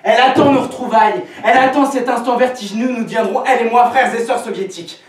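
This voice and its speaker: A young man acting a scornful, idealistic teenage son in a stage play, mocking and passionate, breaking into shouts. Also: extremely high pitch, quick pace. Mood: elated. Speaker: actor. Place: theater stage. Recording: echoey hall, miked from far off.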